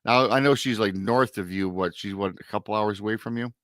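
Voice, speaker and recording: Recorded with clean, dry studio sound, a middle-aged Michigan man hosts a casual talk show in a lowish, fairly bright voice at a fairly quick clip. He has a Michigan American accent, rambles and tends to repeat himself.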